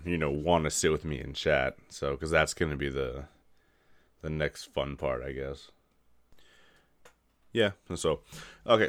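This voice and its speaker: A man's voice: rumbling low, a bit bright, dry recording. A man hosting his own podcast, chatting upbeat and rambling while tired and yawning. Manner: rambling, upbeat, with fillers and yawns. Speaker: podcast host. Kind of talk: casual solo podcast talk.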